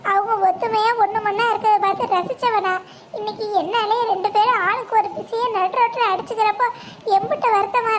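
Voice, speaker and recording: Woman voicing a tearful self-blaming village wife. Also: extremely high pitch. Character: guilt-ridden weeping young village wife. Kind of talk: cartoon voice acting. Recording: steady background noise.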